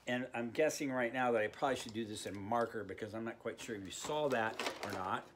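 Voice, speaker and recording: An older man in his sixties with a mid-pitched voice teaches drawing in an informal, playful way. He talks like a folksy art teacher addressing kids, tossing in sound effects as he works. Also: brisk, noisy background. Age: 60s. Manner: playful, folksy, with sound words like boom and bing-bang. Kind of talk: informal instructional talk while drawing. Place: indoor room with art on the wall.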